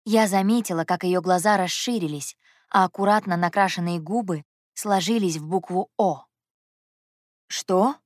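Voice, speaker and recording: A young woman narrating an audiobook in the first person, telling the story in a lively, expressive way. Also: on the low side, moderate pace, no room sound, clean studio sound.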